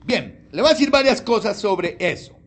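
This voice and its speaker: Very high-voiced pastor preaching. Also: male voice, sing-song, normal speed, a bit bright. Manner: conversational, asks the congregation questions. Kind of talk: sermon.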